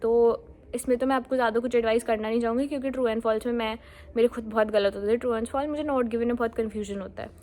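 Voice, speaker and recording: A woman's voice: fairly high pitch, fairly even intonation, fast, mellow. A woman giving casual, friendly exam-prep advice straight to viewers, mixing English words into her talk. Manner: mixes Hindi with English words, friendly and direct.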